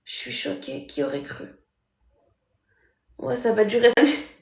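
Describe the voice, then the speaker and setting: A woman's voice: fairly high pitch, moderate pace, vocal fry, roomy sound. A woman streaming live, chatting casually with viewers in a mocking, talkative manner. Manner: chatty, mocking, talks loudly by habit. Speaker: livestreamer.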